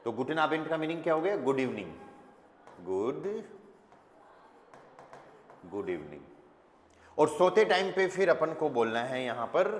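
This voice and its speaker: A man teaching a language class, explaining slowly and patiently and often checking that students follow. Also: mid-range voice, slight background noise. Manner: slow, patient explaining with frequent check-ins. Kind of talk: classroom lesson. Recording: echoey hall with long reverb.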